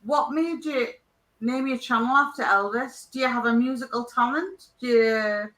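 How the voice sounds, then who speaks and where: A woman's voice: on the high side, normal speed, fairly bright tone. A woman hosting a livestream chat, encouraging and affectionate, talking to her guest and the chat. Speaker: livestream host.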